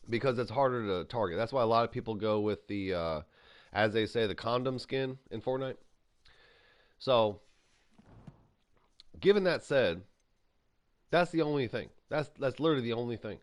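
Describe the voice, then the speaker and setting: A man hosting a gaming channel, giving rambling, opinionated commentary while playing and eating. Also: on the low side. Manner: rambling, opinionated, animated ranting. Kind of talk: casual gameplay commentary.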